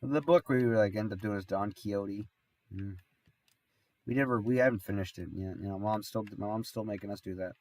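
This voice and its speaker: A man's voice: lowish voice, brisk, darkish tone, recorded from a distance. A man with a stuffy nose from being sick, telling a rambling story on a livestream, full of restarts and fillers. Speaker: streamer.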